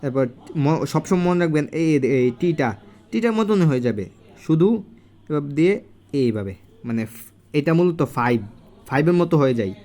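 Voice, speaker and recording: A man giving a casual handwriting lesson at home, recorded on a phone, slowly repeating each syllable as he writes. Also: a little high, animated, a little mellow. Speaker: language teacher. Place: home room.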